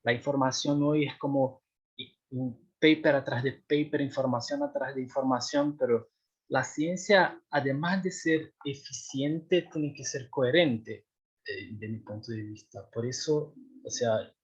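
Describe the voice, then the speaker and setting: At medium pitch and an unhurried pace, a young adult doctoral researcher whose first language is Portuguese explains his work in a seminar; his voice is slightly rough and the audio dull. He hesitates with frequent fillers and restarts and checks comprehension often.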